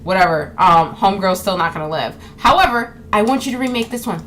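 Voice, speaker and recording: Woman vlogger, animated casual monologue, mid-pitched, chatty with fillers. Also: fairly quick, background noise. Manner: animated, acts out quoted voices; chatty, with many fillers like "um" and "you know". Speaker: actress and model vlogger.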